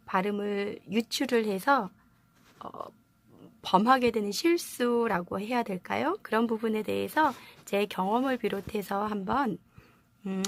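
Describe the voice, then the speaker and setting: A woman teaching language pronunciation in a video lesson, explaining patiently and asking her viewers rhetorical questions. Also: a little high.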